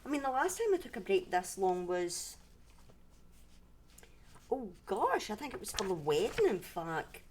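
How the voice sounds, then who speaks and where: A medium-pitched, sing-song, slightly mellow woman's voice, a little slow with many pauses, plus a little hiss or hum. She's a Scottish livestream host telling stories at home indoors, conversational and rambling, often interrupting and restarting herself.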